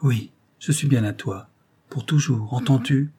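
A man's voice: medium pitch, unhurried, mellow, a little hiss or hum, natural voice. A man voicing an earnest young woman in love who urges her lover to leave, in a storybook reading. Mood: tender urgent. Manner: tender, urgent pleading.

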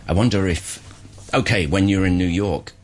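A man's voice: sits low, normal speed. A man hosting a radio interview, asking questions in a chatty, conversational way. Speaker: radio host.

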